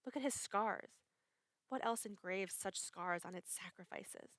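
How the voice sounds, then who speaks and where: A woman's voice: mid-range voice, a little slow, fairly bright tone, no echo, clean studio sound, natural voice. A woman voicing a young man who speaks ominously, cold and secretive.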